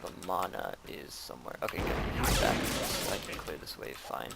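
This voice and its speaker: Chatty man with lively pitch, noisy mic. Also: normal speed, vocal fry. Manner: rambling, many fillers, chuckles at own plays. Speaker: gameplay commentator. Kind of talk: casual game commentary.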